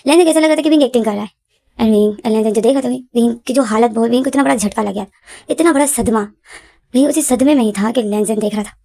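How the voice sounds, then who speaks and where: Mellow, fairly high-voiced woman storyteller. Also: fast, no echo. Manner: repetitive, dramatic retelling. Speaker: fanfiction storyteller. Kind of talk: casual story narration.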